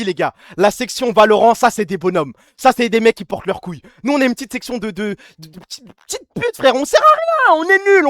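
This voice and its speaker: Young guy streamer, high voice, rattles off crude slangy chat super fast, close dry mic. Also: no echo. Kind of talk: casual live-stream chat.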